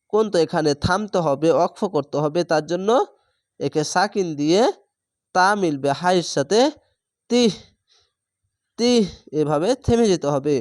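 A man's voice: high-pitched, dry recording, clean studio sound. A man teaching Quran reading, spelling out each syllable and then drawing out the joined word. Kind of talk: slow spelled-out Quran recitation lesson.

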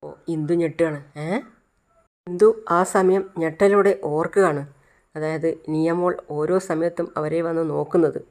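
A woman retelling a TV serial episode in plain, steady storytelling. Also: sits low, moderate pace. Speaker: serial recap narrator.

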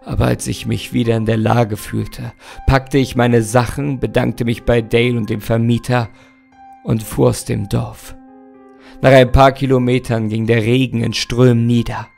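A man's voice: level tone, normal speed, creaky, a little mellow, soft background music, natural voice. A man reading aloud, voicing a shaken, haunted man who speaks grimly and heavily. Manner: grim, low and heavy.

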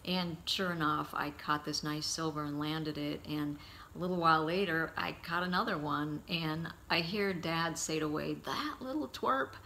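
A middle-aged man giving a heartfelt eulogy, telling stories about his father in a halting, storytelling way. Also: fairly high pitch, little pitch movement, creaky. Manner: warm, halting anecdotes with frequent pauses.

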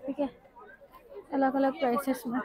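Brief: high-pitched Pakistani Urdu woman, chatty market vlogger, loud crowd behind. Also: level tone, moderate pace. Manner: chatty, asks stall prices loudly over the noise. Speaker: shopping vlogger. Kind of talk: casual walk-through vlog. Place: crowded outdoor street market. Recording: busy crowd noise behind.

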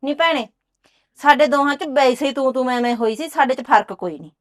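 An actress playing a proud, quick-tempered village housewife who scolds and curses, speaking. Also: female voice, high voice, close to an everyday voice. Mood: scolding. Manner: scolding, cursing. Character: sharp-tongued village housewife, angry and proud. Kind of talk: village drama dialogue.

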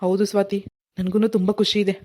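A mellow, quick-talking young husband in a cartoon, played by a woman. He is easygoing and reassuring. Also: mid-range voice, little pitch movement, lightly acted. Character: young adult husband, calm and agreeable. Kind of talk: animated cartoon voice acting.

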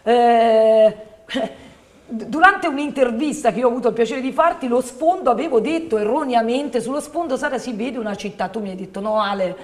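Casting: female infomercial presenter, high voice, emphatic sales pitch to viewers. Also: fast talker, hardly any pauses. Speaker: TV art sales host. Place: indoor TV studio.

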